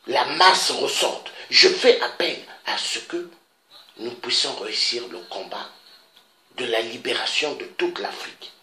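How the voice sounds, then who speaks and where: A man from Africa making an impassioned, repetitive public appeal, pleading with his listeners and pausing on interjections. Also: medium pitch, bright, forceful tone. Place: Paris. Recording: echoey room with faint noise.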